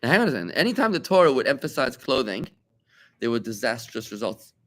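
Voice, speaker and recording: A man, a rabbi, teaching a Talmud class to students, animated and full of rhetorical questions, repeating key points for emphasis. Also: medium pitch, quick pace. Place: study room with students.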